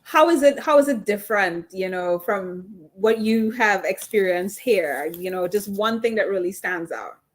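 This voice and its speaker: A woman hosting a casual interview, warm in her praise and chatty as she asks her questions. She speaks at a middle pitch for a woman. Her tone is conversational and relaxed. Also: moderate pace, hardly any pauses, rough recording. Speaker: host.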